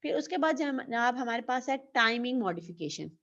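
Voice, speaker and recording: A woman's voice: on the high side, animated, normal speed, fairly bright tone, dull audio. Woman teacher quizzing her class. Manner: explaining with questions she answers herself. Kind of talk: online lecture.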